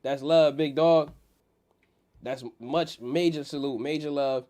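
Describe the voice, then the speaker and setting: A man's voice: on the high side, fairly even intonation, slow, dark tone. A man with a blocked-nose nasal sound hosting a casual livestream on the stock market, talking in slang and repeating phrases for emphasis. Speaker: livestream host.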